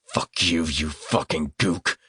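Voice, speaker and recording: Man voicing wounded soldier pilot, snarling, hateful, husky, dry audiobook sound. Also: rumbling low, slow, sharp tone, no echo, heavily acted. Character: wounded male soldier pilot, bleeding and hostile. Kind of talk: audiobook character reading.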